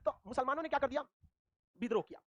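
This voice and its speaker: Fast-talking male teacher. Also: very high voice, lively intonation, dry recording. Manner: rapid, rhetorical questions answered himself, colloquial Bihari flavour. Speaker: history teacher. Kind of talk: revision lecture.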